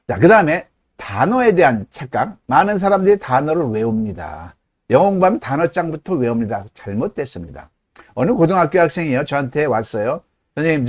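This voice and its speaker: A man's voice: medium pitch, darkish tone. A middle-aged man teaching an English lesson, emphatic and asking the audience rhetorical questions. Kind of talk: lecture.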